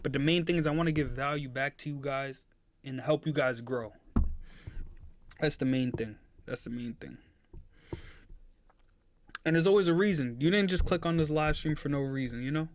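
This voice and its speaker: A man's voice: on the high side, moderate pace, pauses often. A twenty-year-old man chatting casually on a live stream, giving his chat an earnest, preachy pep talk.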